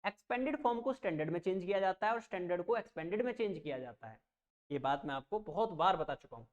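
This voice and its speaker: A man's voice: high voice, lively intonation, fast, dull audio. Patient man teaching a math lesson. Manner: patient, repeats steps, checks understanding; reassuring, plain explanations. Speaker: coaching teacher.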